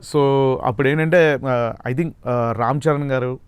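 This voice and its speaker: A man as a mimicry artist guest, soft-spoken and hesitant, chatting casually in an interview. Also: mid-range voice, a little slow, smooth.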